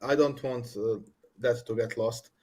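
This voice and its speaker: A man co-hosting a casual panel podcast, speaking hesitantly with many pauses and restarts. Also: mid-range voice, steady tone, a little mellow. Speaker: podcast co-host.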